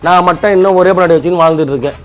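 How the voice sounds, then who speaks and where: A man's voice: sits high, very fast, music in the background. A man, grumbling and whining about his lot as the complaining husband in a comic family skit. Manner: grumbling, whiny, repetitive complaining.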